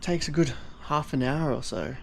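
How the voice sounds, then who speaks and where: A man's voice: on the high side, normal speed, a little mellow. A man talking casually to camera as a vlogger. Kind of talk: casual vlog talk to camera. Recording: clear background noise.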